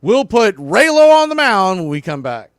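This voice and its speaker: In a high, sing-song voice at a moderate pace, a fan-stream announcer calls baseball play-by-play in clipped phrases, showing folksy, partisan zeal for the home team. The tone is clean, the recording dry, and the studio sound clear.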